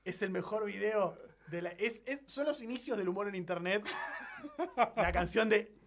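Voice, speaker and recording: A man's voice: high voice, normal speed. A man with a Rioplatense accent co-hosting a radio show, telling stories and often laughing. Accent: Rioplatense Spanish. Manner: laughing, storytelling. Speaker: radio co-host. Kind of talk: casual radio banter. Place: radio studio.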